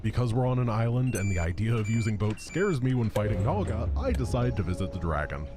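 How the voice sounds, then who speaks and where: Male game commentator: low, animated pitch, wry scripted narration over music. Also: brisk. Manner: wry, deadpan humour. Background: clear music.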